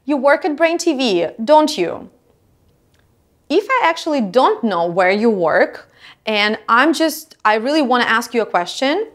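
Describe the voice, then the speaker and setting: A woman with a Ukrainian accent, an English teacher explaining grammar plainly with many fillers. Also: fairly high pitch.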